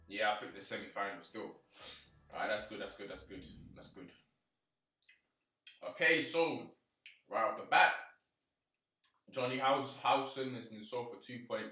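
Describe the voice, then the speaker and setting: Excitable young man, roomy off-mic sound. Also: fairly low pitch, distant mic. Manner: excitable, talks to the players on screen. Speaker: gaming channel host. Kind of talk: casual gameplay commentary. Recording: roomy, off-mic, faint noise.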